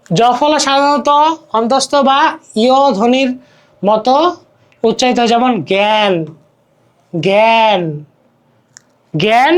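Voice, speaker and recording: A man's voice: very high voice, normal speed, long pauses, clean tone. A young man with a Bangladeshi Bengali accent teaching an exam-prep grammar lesson, explaining step by step and repeating words while asking checking questions. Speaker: tutor.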